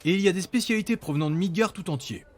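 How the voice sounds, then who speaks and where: A man's voice: sits high, rapid-fire. A man reading scripted narration for a fantasy audio story.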